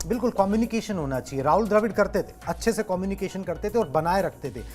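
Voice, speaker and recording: A man hosting a sports talk show, speaking in a conversational way with drawn-out filler pauses. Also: sits high, lively intonation, darkish tone.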